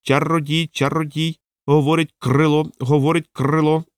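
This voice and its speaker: A man voicing a strange talking parrot that repeats clipped words slowly, as an audiobook character. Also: a little high, level tone, clean tone, no room sound, clean studio sound, pitched above the performer's own voice, natural voice. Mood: cryptic.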